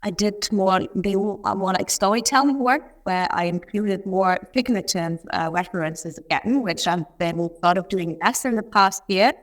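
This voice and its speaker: A woman's voice: mid-range voice, normal speed, few pauses. A woman artist on a video call, answering interview questions reflectively in thoughtful, hesitant phrasing. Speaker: artist in residency, interview guest. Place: remote art residency studio, on a video call.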